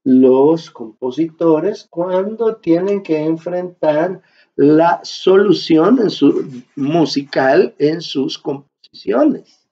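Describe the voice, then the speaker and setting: A man teaching a music class in a slow, explanatory way, often checking in with his listeners. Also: fairly high pitch, warm tone. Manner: slow, explanatory, repeats "¿verdad?" to check understanding. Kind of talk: online lecture. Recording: dull lo-fi sound.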